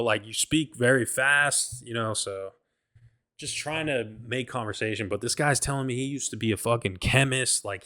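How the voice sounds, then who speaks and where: Guy on his solo podcast, rambly and excitable, swears a lot, mid pitch. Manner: rambling, profane, heavy on "like" and "bro"; excitable, restarts and stumbles. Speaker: podcast host. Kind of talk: casual solo storytelling.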